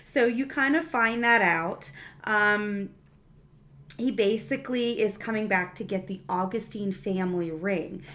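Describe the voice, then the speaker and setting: A woman's voice: medium pitch, measured pace, fairly bright tone. A woman giving a casual spoken review of a TV episode, chatty, with many fillers and restarts, acting out characters' lines as she goes.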